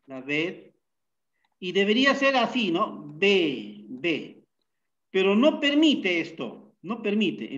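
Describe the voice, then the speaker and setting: A man teaching a Bible Hebrew class, unhurried, often pausing with fillers and checking in with tag questions. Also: high voice, fairly bright tone, dull audio. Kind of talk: classroom lecture.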